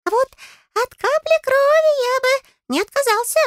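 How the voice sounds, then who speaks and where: A woman voicing a tiny male fairy in an audiobook, squeaky, pompous and greedy, with a bossy, indignant manner. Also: moderate pace, no echo, clean studio sound. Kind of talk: audiobook character voice.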